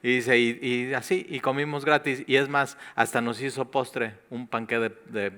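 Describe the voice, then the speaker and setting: A male pastor with a Mexican Spanish accent delivering a sermon. His voice is bright and clear, and he keeps the tone conversational and lively, acting out little quoted asides as he talks. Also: mid-range voice, normal speed.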